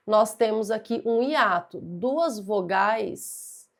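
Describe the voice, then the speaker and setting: A young adult woman, a Portuguese teacher, gives an exam-prep grammar lesson, speaking directly to her student. Her mid-range voice is expressive with some vocal fry, and she goes slowly, patiently and methodically, stressing the key words.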